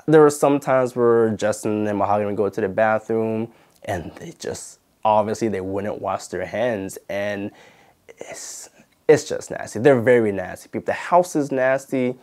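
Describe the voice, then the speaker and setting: A man's voice: on the low side, unhurried, darkish tone. A young man telling a story to camera in a casual, indignant way, full of "like" and "you know". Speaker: channel host and former videographer.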